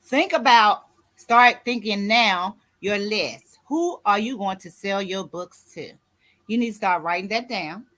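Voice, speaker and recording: A woman's voice: mid-range voice, lively intonation, a little slow, fairly bright tone. A woman in her sixties, an author and grief coach, giving a motivational talk in a preachy way and often asking "you see what I'm saying?". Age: 60s.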